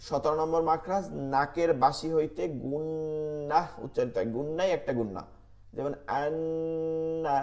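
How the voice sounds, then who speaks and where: A man teaching an online Quran class, patiently repeating letter sounds slowly for students to copy. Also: fairly high pitch, darkish tone.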